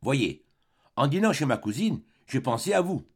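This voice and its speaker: A man's voice: medium pitch, very animated, normal speed, slightly rough. A man voicing a fierce, jealous old spinster woman who scolds in a brusque, bossy way. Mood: coaxing.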